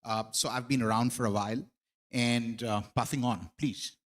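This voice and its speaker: A man's voice: mid-range voice, fairly even intonation, normal speed. A man with a New Zealand accent opens and moderates a panel discussion. He is friendly and informal, with a mid-range male voice.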